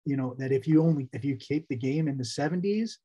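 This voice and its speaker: A man's voice: mid-range voice, quick pace, dark tone, highs cut off. A man co-hosting a basketball podcast, talking in a rambling, casual way with many restarts. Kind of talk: casual sports chat.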